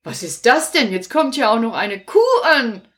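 A woman voicing a cheeky, excitable puppet jester boy in a children's story. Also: a little high, unhurried, voice pushed up. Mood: indignant. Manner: bright eager storytelling.

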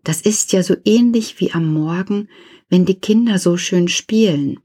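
A woman kindergarten teacher telling a suspenseful story to children, often half-whispering, then bursting into lively exclaims. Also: fairly low pitch, unhurried, husky.

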